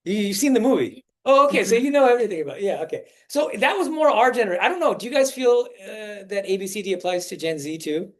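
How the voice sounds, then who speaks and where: High-voiced, animated and fast with hardly any pauses, a forties-aged American swami gives an informal spiritual talk. Conversational in style, he often restarts phrases and stops frequently to question his students.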